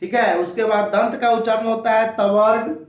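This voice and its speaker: A man teaching a Hindi grammar lesson at a board, drilling each point slowly and repeating it while he speaks straight to his students. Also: sits high, level tone. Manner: slow, repetitive drilling, addresses students directly. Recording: very echoey room.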